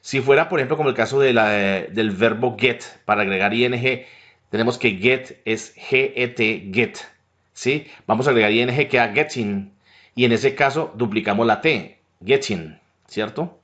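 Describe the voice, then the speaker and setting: A man walks learners through a grammar lesson in a mid-pitched voice. He keeps checking in with short tag questions. The recording is dull and lo-fi. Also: normal speed, fairly bright tone. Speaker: English teacher. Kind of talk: grammar lesson over slides.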